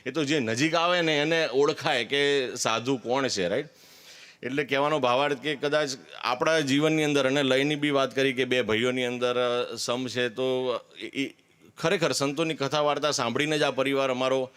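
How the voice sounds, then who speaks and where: A man's voice: mid-range voice, fairly bright tone, clean tone. A man gives a candid, earnest personal testimony at a religious gathering, with emphatic declarations.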